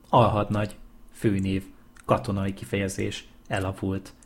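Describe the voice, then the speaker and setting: A man reading dictionary entries aloud in a measured, list-like way. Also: lowish voice, breathy edge. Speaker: dictionary reader.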